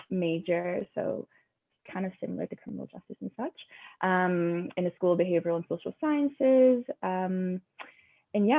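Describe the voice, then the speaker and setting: A woman in her twenties from Montreal, a guest talking in a friendly way with many fillers on a video call. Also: fairly low pitch. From Montreal, Canada. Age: 20s. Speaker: guest, former athlete. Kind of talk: casual webinar chat. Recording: tinny phone-like call audio.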